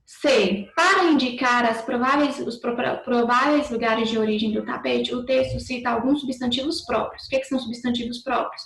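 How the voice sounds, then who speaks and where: A woman's voice: fairly high pitch, steady tone, moderate pace, hardly any pauses, fairly bright tone, echoey room, poor audio. A woman teacher with a Brazilian Portuguese accent giving a recorded class to children, patient and explaining step by step, often rephrasing. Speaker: schoolteacher.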